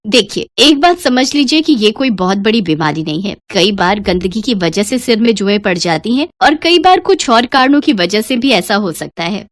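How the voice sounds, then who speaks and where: A woman's voice: medium pitch, animated, normal speed, few pauses, no room sound, natural voice. A woman voicing a kind, encouraging female biology teacher in a cartoon. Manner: encouraging, warm to pupils. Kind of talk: cartoon voice acting.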